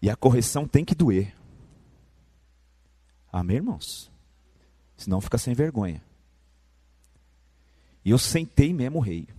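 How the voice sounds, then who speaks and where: A man with a Brazilian Portuguese accent preaching a sermon in a church, moving from quiet, low storytelling to loud, high-pitched shouted preaching. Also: big pitch swings, unhurried, long pauses, husky, no echo. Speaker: pastor.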